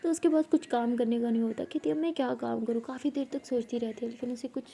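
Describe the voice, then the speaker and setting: A woman's voice: a little high, steady tone, fast, gravelly, mellow. A young woman casually telling a love story aloud, voicing the characters' dialogue herself with small shifts.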